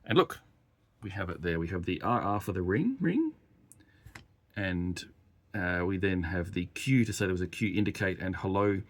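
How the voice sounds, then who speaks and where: At a normal speed and in a low, very animated voice, a developer thinks aloud hesitantly through a casual live tech demo. The recording comes from a noisy room, where typing and clicking on a workbench keyboard are audible.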